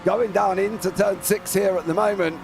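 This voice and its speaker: A man commentating live on a motorsport race as the main caller, in an excitable, informal, chatty manner. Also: high voice, normal speed, vocal fry, over music.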